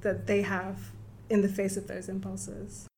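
A woman hosting an interview, giving a formal introduction and asking questions in a steady, measured way. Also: mid-range voice, soft background music. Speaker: interview host introducing a guest.

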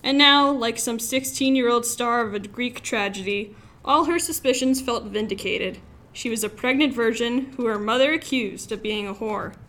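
A young woman from Los Angeles, a student author, reading her own story aloud in a wry, expressive way. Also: on the high side, normal speed. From Los Angeles, USA. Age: young adult.

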